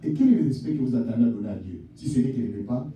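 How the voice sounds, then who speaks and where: A male pastor preaching a sermon in a church, swinging between shouted exhortation and low, quiet address, calling the congregation mother, father and sister. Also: expressive, very fast, far from the mic, slight background noise. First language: not English. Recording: echoey church hall, voice from off-mic.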